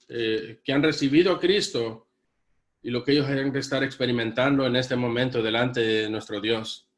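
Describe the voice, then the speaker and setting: A man preaching a sermon as pastor, earnest, repeatedly addressing his congregation as brothers. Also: medium pitch. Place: church.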